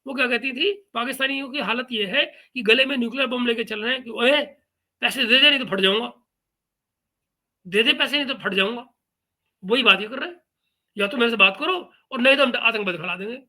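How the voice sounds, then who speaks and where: A man's voice: very high voice, brisk, pushed and bright. A man hosting a reaction commentary channel, talking in a mocking, sarcastic way. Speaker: YouTube commentary host.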